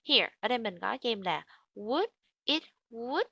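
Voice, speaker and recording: Bright-voiced woman tutoring English. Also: fairly high pitch, animated, creaky, dry recording. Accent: Vietnamese. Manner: models words slowly and repeats them for the learner. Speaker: English teacher. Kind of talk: pronunciation tutoring in Vietnamese and English.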